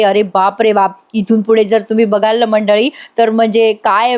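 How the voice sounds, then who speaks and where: A woman's voice: on the high side, darkish tone. A woman giving a chatty voice-over review of a TV serial episode, exclaiming and speaking straight to her audience.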